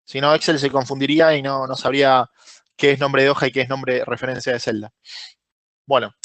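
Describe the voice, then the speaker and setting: A man's voice: medium pitch, level tone, a little fast, fairly bright tone, no echo. A man with a Rioplatense Spanish accent teaching a live online spreadsheet class, explaining step by step, quizzing students and praising their answers by name. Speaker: Excel course instructor.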